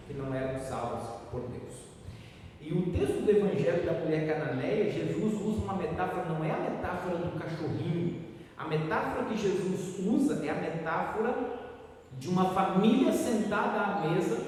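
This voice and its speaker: A preacher delivers an earnest sermon in a slightly high voice. He rises emphatically on key phrases and sometimes halts and restarts. He sounds far from the mic, in a long, echoing hall. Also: darkish tone, a little hiss or hum.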